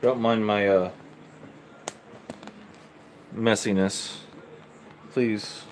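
A man in his forties hosts a live home cooking stream, chatting step by step as he works at the stove. His voice sits fairly low, picked up on a handheld camera mic in a home kitchen. A faint room ambience sits behind him. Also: fairly even intonation, drawn-out words, a little hiss or hum, rough recording. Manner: casual, step-by-step, talking to viewers while cooking. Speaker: home cooking channel host. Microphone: handheld camera mic, moved around the stove.

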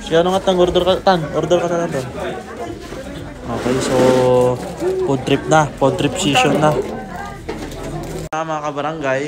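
A man's voice: on the high side, steady tone, normal speed, long pauses, over a noisy crowd. A young man chatting casually to his viewers on a road-trip travel vlog, laughing often, filmed on a phone held at arm's length. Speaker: vlogger. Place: outdoors on a motorbike ride, then an open-air eatery. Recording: loud wind noise on a phone mic. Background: loud wind and traffic noise.

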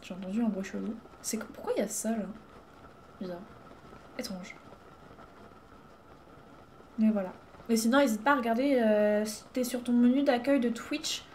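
A woman's voice: a little high, normal speed, long pauses, a little mellow, slight background noise. A young woman streaming a game live, chatting casually, laughing and thanking her viewers. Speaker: Twitch streamer. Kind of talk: casual live gameplay chat.

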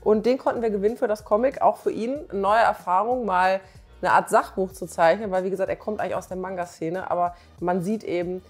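Her voice sits mid-range with fairly even intonation and a brisk pace as this doctor and author in her forties enthusiastically presents her comic. The talk is casual, emphatic and colloquial, delivered to camera from a small living-room sofa. A clip-on lapel mic records her, and faint music runs behind.

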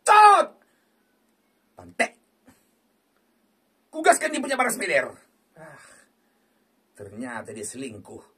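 A man giving rowdy, excited commentary on a slot game, shouting and teasing the game with crude banter. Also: medium pitch, a little slow, long pauses, breathy edge. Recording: voice distant from the mic.

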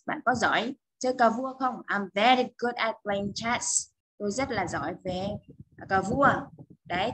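A woman teaching an English speaking lesson and explaining in Vietnamese, slowing down for the English example phrases and often checking that students follow. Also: a little high, fairly bright tone, slightly rough, poor audio. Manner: explains step by step, often checks with "được chưa?".

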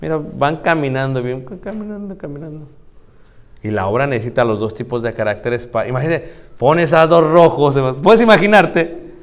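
A young man preaching, lively, acting out church members in little voices. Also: a little high, normal speed. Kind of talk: lively sermon to young people. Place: church hall.

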